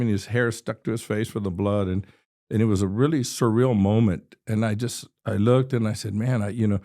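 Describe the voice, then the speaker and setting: A man in his sixties from Texas, a state representative, tells a personal story as a podcast guest in a medium-pitched, darkish voice. He's earnest and vivid, often restarting his sentences.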